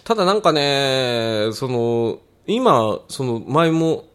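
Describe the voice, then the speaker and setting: A man co-hosting a podcast, chatting casually and teasing his partner in blunt, rough speech. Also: medium pitch, very animated, takes it slowly. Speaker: podcast co-host. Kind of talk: casual banter.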